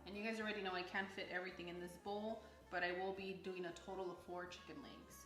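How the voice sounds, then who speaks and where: A woman's voice: lowish voice, little pitch movement, fast, roomy sound, music in the background. A woman hosting a home cooking video, explaining each step in an upbeat, chatty way and laughing often. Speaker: cooking channel host. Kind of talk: casual cooking demonstration. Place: home kitchen.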